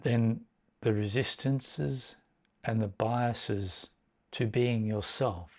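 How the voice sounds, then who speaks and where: Very slowly and deliberately, a man with a fairly low, darkish voice teaches guided meditation. Long, measured pauses set each short phrase apart.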